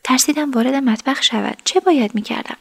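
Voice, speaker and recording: Soft-voiced woman narrating a story. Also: high-pitched, creaky, slightly rough. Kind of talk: first-person scripted narration.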